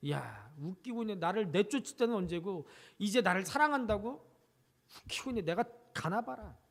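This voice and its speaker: A woman's voice: sits high, sing-song, normal speed, bright, forceful tone, full character voice. Woman acting out a defiant teenage son. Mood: scornful. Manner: sulky, scornful retorts. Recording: long reverb of a church sanctuary.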